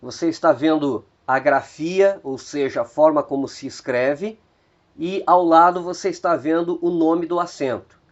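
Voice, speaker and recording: A man with a Brazilian Portuguese accent teaching a slow video lesson, speaking deliberately and repeating each word twice. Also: fairly high pitch. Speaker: Biblical Greek teacher. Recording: dull lo-fi recording.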